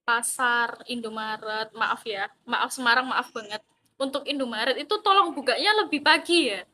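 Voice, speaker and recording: Speaking with an East Javanese Indonesian accent, this young university student vlogger talks casually and animatedly about student life. Her fairly high voice has a sharp tone, and she keeps a moderate pace.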